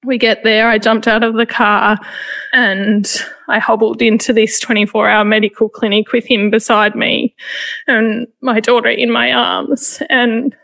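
Halting woman, higher voice. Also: level tone, gravelly, a bit bright. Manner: halting, emotional retelling with restarts. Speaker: interviewee. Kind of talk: personal testimony.

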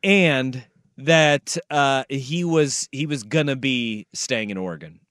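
A man's voice: mid-range voice, slow, fairly bright tone, dry recording, studio quality. A man hosting a casual sports talk radio show, conversational and given to repeating phrases for emphasis. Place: radio studio.

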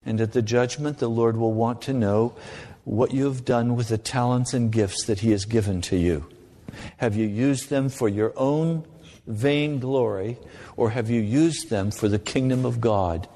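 A man preaching a sermon, gravely warning of judgment and urging listeners on with deliberate repetition and pointed questions. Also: mid-range voice, mellow. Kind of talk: sermon to a congregation. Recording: long hall reverb.

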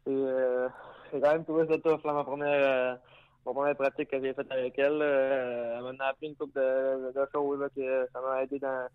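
A young man with a Lac-Saint-Jean Quebec French accent, answering interview questions hesitantly and filling pauses often. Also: medium pitch, flat delivery, smooth, narrow, tinny audio. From Quebec, Lac-Saint-Jean region. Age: young adult. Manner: hesitant, many fillers and restarts. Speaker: hockey player guest.

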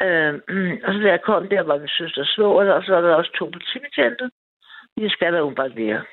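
A woman's voice: fairly low pitch, expressive, a little hiss or hum. A woman calling in to a night radio show, telling a personal story in a rambling, eager way with many restarts. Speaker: caller. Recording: tinny phone line.

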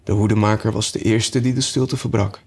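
A man narrating a storybook in a measured, even reading voice. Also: fairly low pitch, creaky, breathy edge. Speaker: audiobook narrator.

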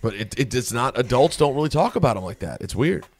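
A man's voice: mid-range voice, animated, fast talker, soft background music. An American man co-hosting a radio show with casual studio chat.

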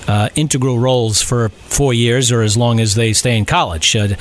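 A middle-aged man from Rhode Island, co-hosting a casual sports podcast chat, talking haltingly with many fillers and restarts. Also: mid-range voice, steady tone. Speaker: podcast co-host.

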